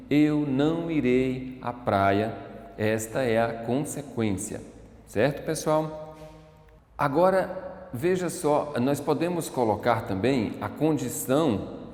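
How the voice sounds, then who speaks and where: A Brazilian man teaching an English lesson, taking his time and stretching out each example sentence. He talks at an unhurried pace. His voice rings in a roomy space with a long reverb tail. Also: medium pitch, darkish tone. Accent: Brazilian Portuguese. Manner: slow, deliberate explaining, drawing out example sentences. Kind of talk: recorded online lesson.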